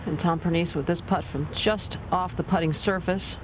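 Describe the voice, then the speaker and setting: Higher-pitched male golf commentator, noisy outdoors. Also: fairly even intonation, moderate pace. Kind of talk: descriptive live golf play-by-play. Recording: loud outdoor ambient noise behind voice.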